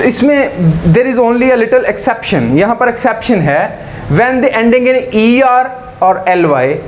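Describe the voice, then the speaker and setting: A man's voice: very high-pitched, slight background noise. A man teaching spelling rules, switching between Hindi and English and checking with "right?" after each point. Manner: explanatory, repeats rules and asks "right?" to check understanding.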